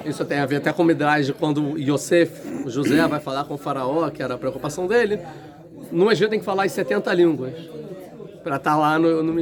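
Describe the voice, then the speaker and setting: In a large room, a Torah teacher with a fairly high voice leads a class, speaking casually and thinking out loud. He frequently stops and restarts sentences, and students are clearly audible around him amid the crowd noise.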